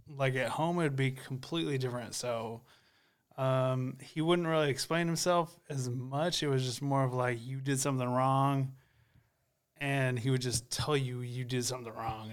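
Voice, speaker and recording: A man talking casually and hesitantly on a podcast, with lots of filler words. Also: mid-range voice. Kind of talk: casual chat.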